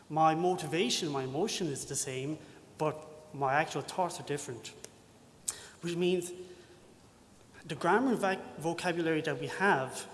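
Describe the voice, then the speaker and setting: Man, earnest conference talk, self-deprecating, long hall reverb. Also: sits high. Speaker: conference lightning talk speaker. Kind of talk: short timed presentation to an audience. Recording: reverberant hall with faint background noise.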